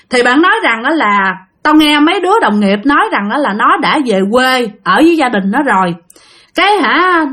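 A woman's voice: fairly high pitch, a bit bright. A woman with a Southern Vietnamese accent telling a spoken story, acting out the quarrels in raised voices. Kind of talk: spoken ghost-story narration.

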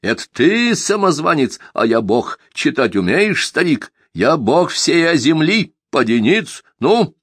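A man's voice: a little high, very animated, slow pace, few pauses, husky, dry recording, studio quality, voice pushed up, exaggerated voice. A man voicing a ranting old man who calls himself god, fiery and scornful, in an audiobook.

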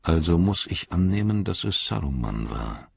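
A man voicing a wise, wry old male wizard in an audiobook, speaking in a measured, solemn way. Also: sits low, big pitch swings, creaky, slightly rough, no room sound, dull audio, heavily acted. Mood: grave. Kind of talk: audiobook reading.

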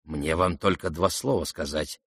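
A male reader voicing a polished, confiding society gentleman in an audiobook. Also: on the low side, lively intonation, normal speed, no room sound, studio quality. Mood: hushed. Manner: hushed, confiding, quiet. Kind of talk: audiobook character reading.

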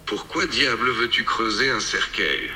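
A synthetic male voice voicing a bewildered male farmer who guards his secrets, in calm, evenly read lines. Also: medium pitch, a little slow, soft background music. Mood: puzzled.

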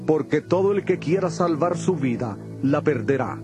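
A man's voice: a little high, animated, normal speed, close to an everyday voice. A man playing Jesus as an authoritative, emphatic teacher in a solemn dramatized audio Bible. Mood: solemn, exhorting. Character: Jesus, authoritative adult male teacher rebuking and instructing. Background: prominent music.

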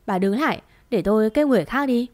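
A woman voicing a calm, commanding young master of the house who speaks firmly. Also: a little high, fast talker, no room sound, lightly acted.

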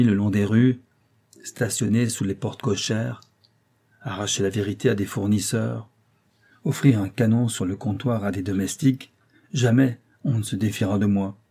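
A man's voice: fairly low pitch, dark tone, breathy edge. A man reading an earnest young painter. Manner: earnest, intense, persuasive. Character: young, poor, determined male painter.

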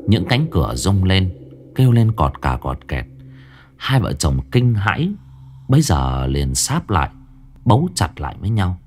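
A man narrating a scripted horror story, dramatic and hushed at tense moments. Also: low-pitched, big pitch swings, measured pace, slight background noise.

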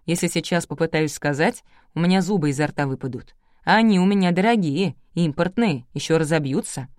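A woman voicing a proud, sharp-tongued old grandmother in an audiobook, blunt and teasing. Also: low-pitched, expressive, a little fast, dry recording, studio quality. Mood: wry.

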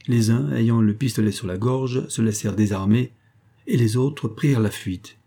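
A man reading a classic French novella aloud in a measured, steady manner. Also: mid-range voice. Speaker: audiobook reader. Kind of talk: scripted narration.

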